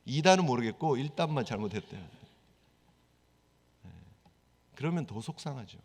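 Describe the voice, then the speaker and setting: A man's voice: medium pitch, animated, moderate pace. A man preaching a sermon as pastor, talking conversationally and asking rhetorical questions. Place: church sanctuary. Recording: long church hall reverb.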